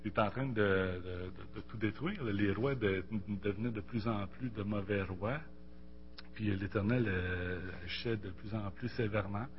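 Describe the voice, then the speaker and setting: The recording is muffled and lo-fi, with a faint hum, as a Québécois man in his forties speaks in a lowish voice during a Bible study. He gives a casual testimony about his faith, halting and colloquial, repeating himself a lot.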